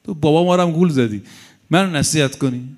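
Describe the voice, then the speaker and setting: A stern, brusque old prophet who waves off a tempter, as a preacher acts him out in a sermon. The voice is raised a little and clipped. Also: male voice, a little high, darkish tone, lightly acted. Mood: dismissive. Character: the prophet Noah, an old man, stern and dismissive.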